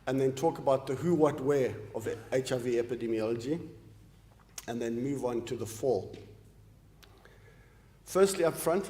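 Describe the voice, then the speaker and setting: A man's voice: mid-range voice, darkish tone. A man in his late forties, from Zimbabwe, giving an earnest formal academic lecture, with frequent ums and restarts. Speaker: professor giving an inaugural lecture. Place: large lecture hall. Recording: echoey hall with long reverb.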